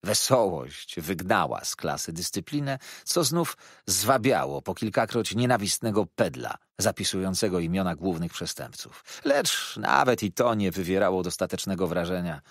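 A man narrates a classic novel in an expressive, dramatic reading. His voice sits fairly low but moves with lively swings in pitch. The recording is dry and close. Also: moderate pace, gravelly, few pauses, no room sound. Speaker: audiobook narrator. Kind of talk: scripted audiobook narration.

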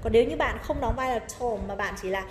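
A woman with a fairly high voice leads a children's English lesson, pausing to pronounce each word slowly and clearly. Her voice rings in an echoey room with a long reverb tail, and a faint hiss sits underneath. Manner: explains in Vietnamese, models English words slowly. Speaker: English teacher.

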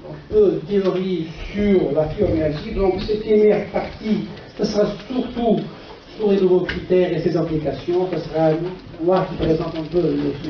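An older man with a Portuguese accent gives a conference lecture in halting French, asking short rhetorical questions. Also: high-pitched. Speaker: physician lecturer. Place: dark auditorium stage at a lectern. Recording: echoey hall, distant camera microphone, muffled, faint noise.

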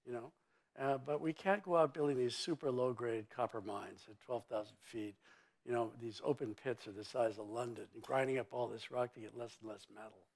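A man's voice: mid-range voice, fairly even intonation, a little fast, vocal fry. An older man being interviewed on a conference stage, talking in an emphatic, blunt and sweeping way with vivid turns of phrase, on a lapel mic. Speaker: mining executive interviewee. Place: conference stage before an audience.

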